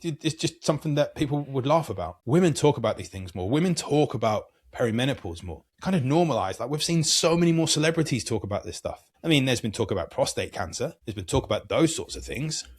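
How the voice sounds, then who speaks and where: A man in his late thirties talks as a podcast guest, at a middling pitch for a man. He explains things earnestly in long, flowing runs, repeating words as he thinks. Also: expressive, fast, hardly any pauses, slightly rough. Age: 30s. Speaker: guest, hormone coach. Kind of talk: podcast interview.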